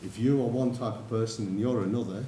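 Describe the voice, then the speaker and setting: An English man delivers a presentation in a lecture hall, turning to the audience with questions and stories. His voice sits a little low, and the room rings with echo under a faint hiss. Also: fast, mellow. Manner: anecdotal, addresses the audience directly. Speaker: conference speaker.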